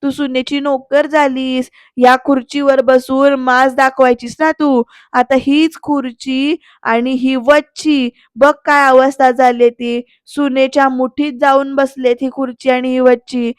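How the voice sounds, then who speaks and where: A woman voicing a sly middle-aged man who taunts in a slow, drawn-out way. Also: high-pitched, flat delivery, smooth, dry recording, studio quality. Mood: taunting.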